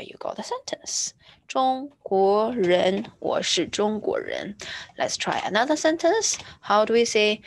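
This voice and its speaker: A woman teaching a beginner Chinese lesson, patiently repeating each word slowly as she explains. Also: mid-range voice, gravelly. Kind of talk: slow screen-share language lesson.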